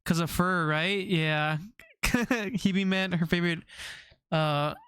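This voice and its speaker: A man's voice: high-pitched, steady tone, slow pace, fairly bright tone, smooth, no room sound, studio quality. A young man streaming, chatting casually with his viewers, rambling off on tangents and laughing often.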